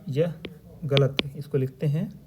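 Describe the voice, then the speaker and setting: A man's voice: a little high, fairly even intonation, unhurried, lo-fi sound, noisy background. A man teaching a Hindi exam lesson. He reads out each multiple-choice question and its options, then patiently explains which spelling or sentence is correct. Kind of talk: previous-year paper discussion lesson.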